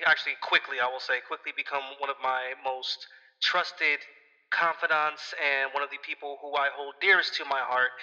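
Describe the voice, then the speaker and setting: A man's voice: on the high side, pushed and bright. A man calling in over a prison payphone line, giving a chatty birthday toast full of stories and laughs. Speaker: caller. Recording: dull, roomy phone line.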